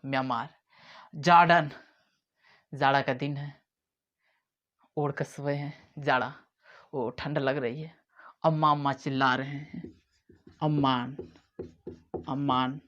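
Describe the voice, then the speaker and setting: A man's voice: fairly high pitch, sharp tone. A man teaching memory tricks in a playful way, acting out little scenes as he explains. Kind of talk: mnemonic lesson to camera. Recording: dull lo-fi sound.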